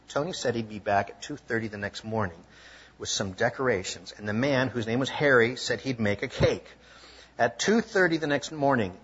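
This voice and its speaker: A male preacher spinning a story during a sermon, earnest and vivid. His voice has a husky grain. The recording sounds muffled and lo-fi. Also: mid-range voice, fairly bright tone. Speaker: pastor. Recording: dull lo-fi recording.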